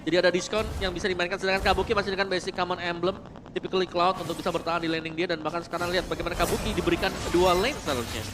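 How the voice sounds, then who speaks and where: A man's voice: high voice, fairly even intonation, rapid-fire, music in the background. A man explaining builds and items in esports color commentary. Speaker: esports analyst caster.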